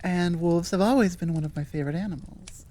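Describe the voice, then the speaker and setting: Speaking fairly quickly in a low, dark voice, a woman talks casually to listeners of her audio roleplay channel. She rambles and is informal and candid.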